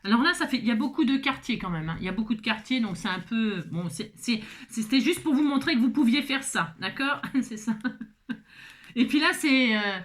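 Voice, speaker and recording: A woman's voice: a little high, lively intonation, a little fast, fairly bright tone. A woman giving a casual crafting tutorial, chatting to viewers with playful, self-mocking asides and a constant "hein". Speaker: craft vlogger.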